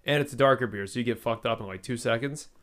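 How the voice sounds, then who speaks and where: A man's voice: medium pitch, fast talker, fairly bright tone. A man in his thirties co-hosting a casual podcast, joking around and swearing freely. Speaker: podcast co-host.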